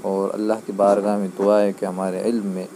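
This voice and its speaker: A man's voice: fairly low pitch, completely flat delivery, warm tone, a little hiss or hum, poor audio. A man teaching a grammar lesson, explaining patiently and checking that his students understand. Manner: patient, repeats key points, checks understanding.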